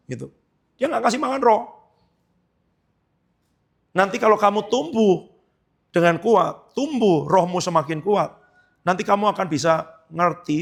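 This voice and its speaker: Gravelly-voiced male pastor preaching. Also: sits high, a bit bright. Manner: conversational preaching, asks the congregation questions. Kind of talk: sermon.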